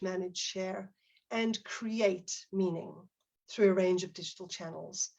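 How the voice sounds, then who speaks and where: A woman with a South African accent runs a live online teaching webinar from a home office near Barcelona, prompting her audience and warmly reading their chat replies aloud. Her mid-range voice is a little mellow and slightly rough, and the audio sounds dull.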